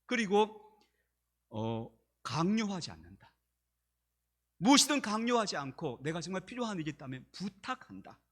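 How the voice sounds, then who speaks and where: Male pastor, animated sermon delivery, high and breathy-edged. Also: normal speed, long pauses. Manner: animated preaching that acts out quoted speech.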